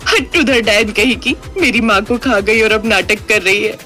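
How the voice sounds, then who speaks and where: A woman voicing a spiteful, sharp-tongued young sister. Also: moderate pace, faint music behind, close to an everyday voice. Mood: taunting. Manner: high, taunting.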